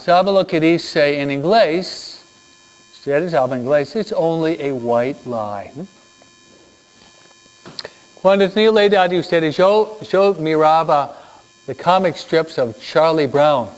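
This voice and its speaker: Male children's teacher, high and lively, unhurried, lo-fi sound. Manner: animated storytelling with questions to the kids. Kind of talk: Sunday school lesson. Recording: dull lo-fi recording.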